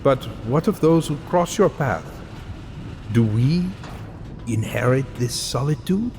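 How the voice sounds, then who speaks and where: A scholarly professor in a sea adventure radio drama, eloquent and full of wonder. His mid-pitched voice swells and dips widely as he speaks very deliberately, with a clear rumble behind. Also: expressive, darkish tone. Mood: concerned. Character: scholarly professor, awestruck, earnest and thoughtful. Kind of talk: dramatic audio drama acting.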